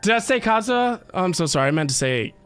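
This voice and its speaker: Hosting a relaxed game livestream with music in the background, a man rambles to viewers and thinks out loud. His voice is high-pitched, fairly bright, very animated, and quick.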